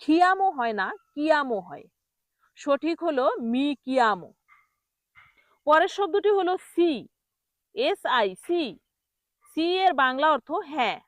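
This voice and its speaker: Woman, language teacher, high voice, slow drilling repetition, quiz questions, dry recording. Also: very animated, no room sound. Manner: repeats words slowly, quizzes the listener. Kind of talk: pronunciation lesson.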